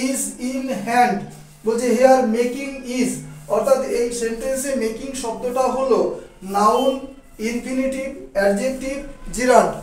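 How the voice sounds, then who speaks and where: A man's voice: very high voice, heavy reverb, far from the mic, low-quality recording. A man with a Bengali accent teaching English vocabulary to students, explaining and repeating each word and checking they follow. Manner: explains and repeats words, checks with "ঠিক আছে?". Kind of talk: classroom vocabulary lesson.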